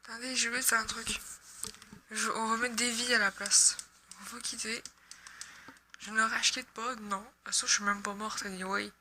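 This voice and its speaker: A young Québécoise woman commenting on her game in a high, very bright voice. She chats and jokes loosely, switching into quick swearing when a move fails. A faint hiss sits under her voice. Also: level tone. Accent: Québécois French. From Quebec. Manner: chatty, joking, swears when she misses. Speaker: gaming YouTuber. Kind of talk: casual gameplay commentary.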